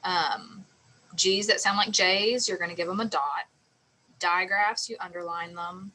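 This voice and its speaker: A woman's voice: on the low side, fairly even intonation, a little slow, pushed and bright, low-quality recording. A woman teacher explaining a phonics lesson patiently, sounding out letters and syllables step by step.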